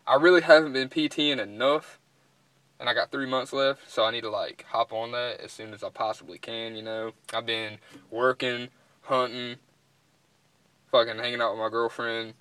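A man's voice: mid-range voice, steady tone, moderate pace, sharp tone, clear, resonant tone, no room sound, poor audio. A young man chats casually to camera, talking with a lip full of dipping tobacco. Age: young adult. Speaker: vlogger and dip reviewer. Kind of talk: casual chat. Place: inside a parked pickup truck cab.

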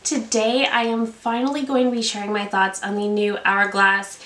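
A beauty vlogger in her thirties, sounding congested from a cold, sits in an indoor room against a plain backdrop, reviewing products and applying makeup in a chatty, enthusiastic tutorial. Her voice is medium-pitched, flat, moderately paced, and fairly bright, and the sound is roomy.

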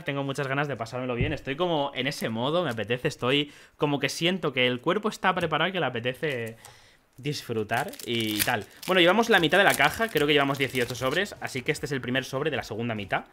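A man's voice: medium pitch, fairly quick. A young man from Spain with a Spanish accent, rambling chattily while opening trading card packs for his channel. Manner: chatty, rambling, bursts into excited shouting and laughter. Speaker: card collecting youtuber. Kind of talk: pack opening vlog.

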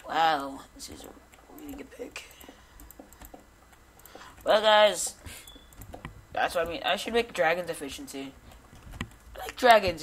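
A man chatting through his gameplay in a loose, rambling way, tripping over his words and restarting sentences. He gets excited at small discoveries, with faint background noise under his voice. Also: fairly high pitch. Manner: rambling, chatty self-talk with many restarts. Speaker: gamer recording gameplay. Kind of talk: casual gameplay commentary.

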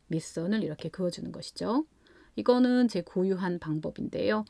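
A woman hosting a parenting channel walks parents through a children's vocabulary lesson. She explains calmly and patiently, step by step, with examples. The sound is close and dry, with no room around it. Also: medium pitch, no room sound. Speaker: parenting channel host teaching English at home.

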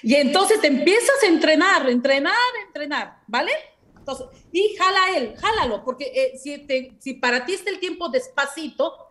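A woman's voice: sits high, lively intonation, normal speed, fairly bright tone. A woman voice teacher with a Mexican Spanish accent, giving patient masterclass coaching with affectionate diminutives and short sung examples.

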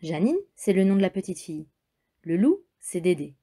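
A woman's voice: on the low side, big pitch swings, moderate pace, dark tone, husky. A woman reading a children's story aloud in a playful, chatty way.

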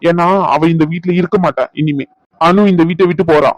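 A man's voice: a little high, a little fast, dry recording, close to an everyday voice, low-quality recording. A man voicing a firm, coaxing cartoon husband. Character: young husband, firm but affectionate.

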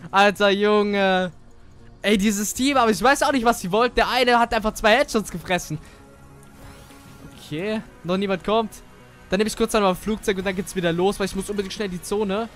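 A man giving casual gaming commentary, excitable and chatty as he plays with a teammate. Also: sits high, a little fast, soft background music. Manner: excitable, swears casually, talks to teammate while playing. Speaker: gamer.

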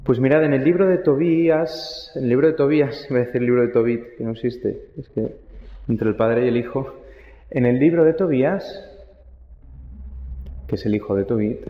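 Priest preaching in an echoing church. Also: male voice, medium pitch, moderate pace, dull audio. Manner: conversational, asks the congregation questions. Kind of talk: homily.

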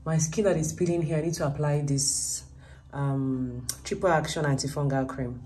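A young adult woman with a Nigerian accent chats casually and expressively into her phone, held at arm's length, for her travel vlog from indoor hotel rooms. Her voice sits low and warm, with fairly even intonation and a moderate pace.

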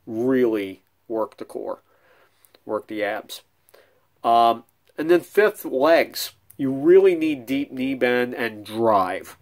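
A man's voice: mid-range voice, darkish tone. A middle-aged man giving casual bowling fitness tips in a small room at home, talking with frequent ums and restarts. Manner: conversational, many restarts and ums, demonstrating with hands. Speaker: bowling coach. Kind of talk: casual instructional vlog.

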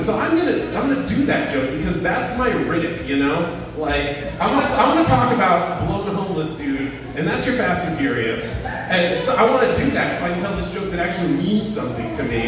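Rambling man, echoey, from across the room. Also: a little high. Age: 30s. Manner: rambling, filler-heavy, self-deprecating delivery. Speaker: stand-up comedian. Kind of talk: open-mic stand-up set. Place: small venue with a stage and audience. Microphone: handheld mic, filmed from a far camera. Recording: echoey room from a far camera.

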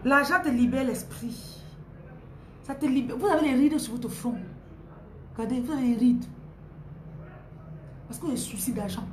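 A woman with a Cameroonian French accent giving an animated, playful motivational talk about money, repeating herself for emphasis. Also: high-pitched, moderate pace, pauses often, roomy sound, a little hiss or hum. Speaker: money and spirituality coach. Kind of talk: motivational talk with acted-out scenes.

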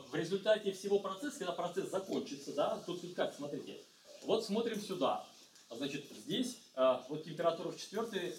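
A middle-aged man giving a university physics lecture, talking in a halting way with many fillers and restarts. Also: fairly high pitch, a little mellow, slight background noise. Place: lecture room. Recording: echoey lecture hall, mic far off.

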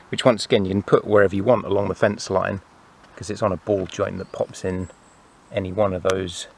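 Low gravelly man showing toys. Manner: relaxed, explanatory, fillers. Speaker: toy reviewer. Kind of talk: casual toy review narration.

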